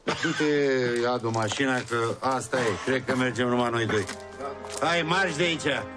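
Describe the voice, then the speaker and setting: A man's voice: mid-range voice, music in the background, natural voice. An actor playing a bossy male gang boss in a TV drama, barking scolding, contemptuous orders. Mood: scornful. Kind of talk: TV drama acting.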